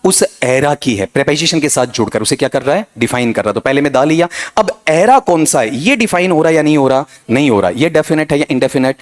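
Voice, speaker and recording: A man's voice: a little high, animated, fast, hardly any pauses. A man teaching an English grammar lesson, quizzing his students and drilling pronunciation. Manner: drilling, questioning students, calls them beta ji. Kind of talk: exam coaching lesson.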